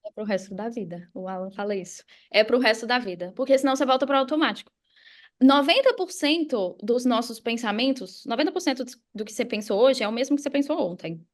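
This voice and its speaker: A Brazilian woman, an affiliate marketer and mindset coach, appears as a podcast guest and explains mindset in a casual, motivational way. Her voice is on the high side and she talks fast, speaking emphatically, repeating key phrases and using examples and acted-out quotes.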